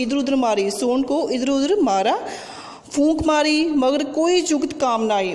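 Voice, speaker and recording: A woman's voice: high-pitched, darkish tone, long reverb tail. A woman teacher telling a story to young pupils, coaxing them along and repeating and questioning. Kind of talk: storytelling lesson for children.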